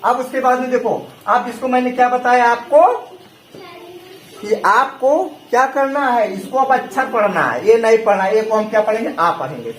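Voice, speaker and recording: With a very high, animated voice and a fairly bright tone, an English teacher keeps asking his class the same question during a call-and-response lesson. He speaks at normal speed, and the recording has echo and faint noise.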